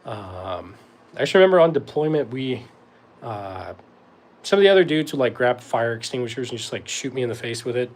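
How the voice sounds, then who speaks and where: Answering questions from his live chat, a young man from North Carolina rambles in an easygoing way, packing his speech with fillers. His medium-pitched voice is expressive and moves a bit quickly.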